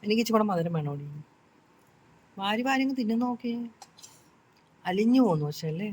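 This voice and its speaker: A middle-aged woman with a hoarse, sore throat, chatting casually in a home vlog and calling out to her daughter. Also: mid-range voice, animated, a little fast, a little mellow, a little hiss or hum. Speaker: home vlogger. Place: home, indoors.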